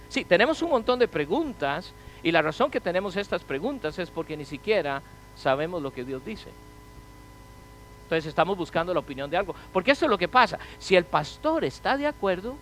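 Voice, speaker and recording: A male pastor delivers a sermon in a fairly high voice. He poses rhetorical questions to his congregation and moves between loud, emphatic phrases and quiet, low asides. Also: a little hiss or hum, low-quality recording. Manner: preaching with rhetorical questions, wide swings in loudness.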